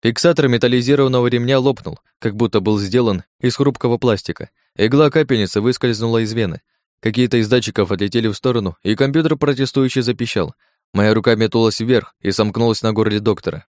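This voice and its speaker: A man's voice: mid-range voice, fast talker, a little mellow, no room sound, clean studio sound. A man reading a first-person audiobook in tense, gritty scripted narration.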